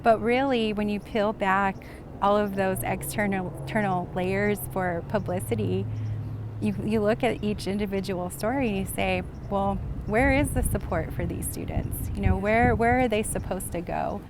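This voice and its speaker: A woman who leads a student program giving unscripted interview answers over clear background noise. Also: medium pitch, steady tone, moderate pace. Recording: noisy ambience with vehicle sound.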